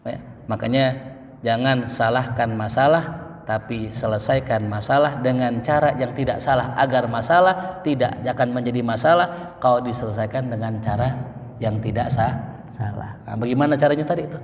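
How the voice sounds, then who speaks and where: A man preaching at a mosque study circle, telling stories with big swings in tone and casual asides to the congregation. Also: moderate pace. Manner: lively storytelling, sweeping pitch swings, colloquial asides to the congregation. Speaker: Islamic preacher. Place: mosque hall. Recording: echoey mosque hall with long reverb.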